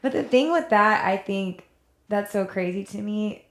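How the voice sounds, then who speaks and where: A woman's voice: mid-range voice, lively intonation, a little slow, a bit bright, roomy sound. An American woman co-hosting a podcast in casual chat, with wry, sarcastic asides and mock quotes. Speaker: podcast co-host.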